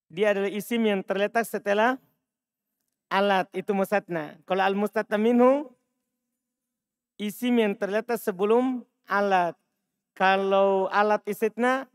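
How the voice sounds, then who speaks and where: A man's voice: high voice, clean tone, no room sound, studio quality. A man with an Indonesian accent teaching Arabic grammar in a classroom lesson, explaining, repeating key terms and checking that students understand.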